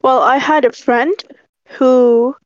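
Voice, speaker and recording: A young woman from Algeria, talking frankly and pausing to find words in a casual discussion. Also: sits high, fairly even intonation, dry recording. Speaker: discussion participant. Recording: dry, muffled lo-fi call audio.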